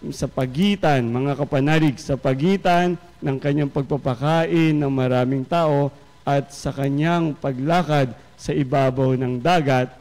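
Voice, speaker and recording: Slow reflective Filipino priest in echoing church. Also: male voice, mid-range voice, warm tone. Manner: slow, reflective, addresses listeners often, pauses a lot. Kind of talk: homily at Sunday Mass. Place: large church. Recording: long church reverb.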